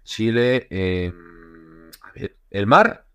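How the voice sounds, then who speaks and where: Animated Bolivian man telling a story. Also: lowish voice, extremely slow, clear, resonant tone. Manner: animated storyteller, acts out quotes, laughs often. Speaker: guest, travel YouTuber. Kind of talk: casual podcast interview.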